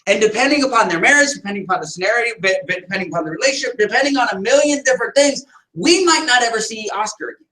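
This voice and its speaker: High, bright-voiced, energetic male trainer. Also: racing. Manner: energetic storytelling, often shouting. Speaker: sales trainer. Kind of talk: motivational sales training talk. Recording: echoey room, voice from far off.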